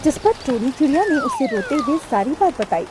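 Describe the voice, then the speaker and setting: A woman narrating a children's cartoon story in a clear, expressive storytelling voice, recorded as a studio voice-over. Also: high voice, a little fast, noisy background.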